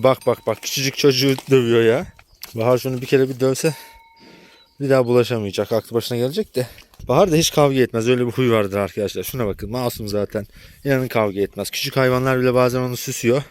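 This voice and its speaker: A man's voice: mid-range voice, darkish tone, slight background noise. Chatty man vlogging outdoors in a village. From Turkey. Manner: chatty, exclaims and scolds animals. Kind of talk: casual vlog talk to viewers.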